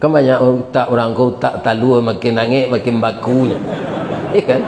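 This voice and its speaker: A man's voice: mid-range voice, normal speed. Male preacher in an echoey hall. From West Sumatra. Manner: animated, emotional storytelling with laughter. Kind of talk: storytelling sermon. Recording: echoey hall with long reverb.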